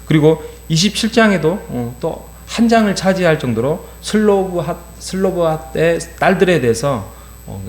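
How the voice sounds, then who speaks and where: A man's voice: fairly high pitch, lively intonation, moderate pace. A middle-aged man preaching an early-morning sermon in a church, earnest, with many fillers and rhetorical questions. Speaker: pastor. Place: church sanctuary. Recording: roomy church sound with faint hum.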